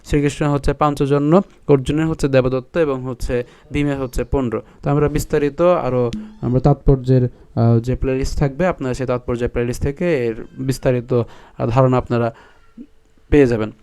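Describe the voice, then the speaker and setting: A man teaching a scripture class, slowly breaking verses into syllables and chanting them, often pausing to ask and answer his own questions. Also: mid-range voice, steady tone, warm tone, smooth, no room sound. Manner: repeats "ঠিক আছে" and asks himself questions. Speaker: Gita teacher. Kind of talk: recitation lesson on Sanskrit pronunciation.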